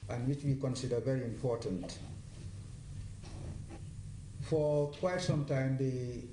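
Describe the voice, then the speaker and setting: A man with a Gambian accent, a ministry official giving a slow, deliberate speech. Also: medium pitch, steady tone, echoey room, noisy background. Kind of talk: speech at an event.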